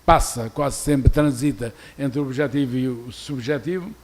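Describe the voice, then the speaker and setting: A man's voice: medium pitch, normal speed. An older man from Portugal with a European Portuguese accent, giving an academic lecture in a university auditorium, talking in a discursive way with many restarts. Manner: discursive, many restarts, reads quoted verses aloud more loudly.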